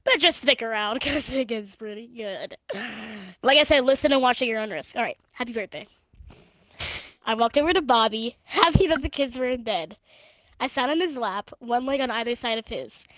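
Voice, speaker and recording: A young woman streaming from home on a gaming headset, chatting crudely and giggling, then reading fan fiction aloud in a flat monotone. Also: fairly high pitch, normal speed, dry recording. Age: young adult.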